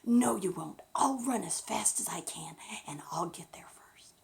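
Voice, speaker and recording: A woman's voice: fairly low pitch, a little slow, vocal fry, a little hiss or hum, voice pushed down, exaggerated voice. A woman voicing a polite, earnest little girl in a bedtime story. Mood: earnest, determined. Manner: earnest, expressive.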